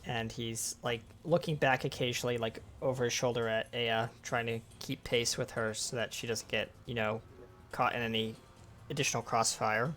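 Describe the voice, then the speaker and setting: A man's voice: mid-range voice, fairly even intonation, moderate pace, fairly bright tone, soft background music. A man casually narrating his character's actions as a player in a tabletop role-playing game.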